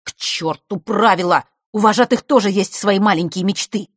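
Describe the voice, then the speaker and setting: A woman's voice: medium pitch, normal speed, husky, dry recording, studio quality, pitched above the performer's own voice, lightly acted. A woman voicing an irritated young man, a camp counselor, who speaks curtly and crossly. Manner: displeased, curt.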